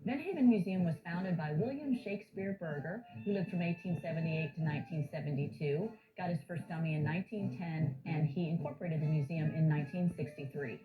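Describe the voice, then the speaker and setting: A woman speaking as a museum curator in an informal documentary interview, explaining in a measured way. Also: sits low. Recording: thin phone-like audio under music. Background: background music.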